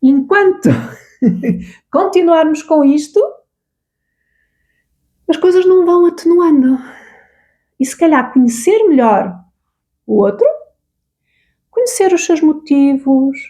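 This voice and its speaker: A woman with a European Portuguese accent talks in a relaxed, conversational way, often closing her points with tag questions. Her voice sits a little high and sounds mellow and warm. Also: takes it slowly, pauses often. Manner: chatty, explains with frequent tag questions. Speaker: co-host of a therapy talk. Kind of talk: casual conversation.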